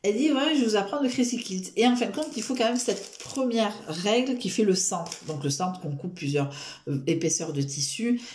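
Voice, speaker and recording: A woman's voice: medium pitch, normal speed, darkish tone, roomy sound, a little hiss or hum. A woman chatting casually to camera in a rambling, self-mocking way, full of fillers and restarts. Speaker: vlogger.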